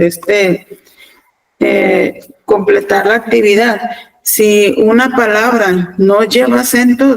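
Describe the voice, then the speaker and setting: A Mexican woman teacher giving a virtual class, talking deliberately and often repeating words and pausing with fillers. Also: medium pitch, creaky, poor audio. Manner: deliberate, repeats words, fills pauses with "este". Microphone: video call.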